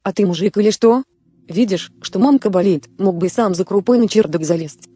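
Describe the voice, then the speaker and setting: A woman voicing a drunk, grumbling village mother who is hungover and cold, in a snappish, groggy way, with a dark, mellow tone. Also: medium pitch, a little fast, husky, no room sound, close to an everyday voice.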